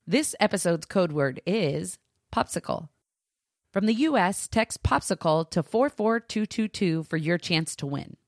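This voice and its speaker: A woman's voice: lowish voice, lively intonation, measured pace, no echo, clean studio sound. A woman co-hosting a podcast for parents, talking candidly and self-deprecatingly in a casual style. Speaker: podcast co-host and mother. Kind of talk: casual podcast chat with scripted announcements.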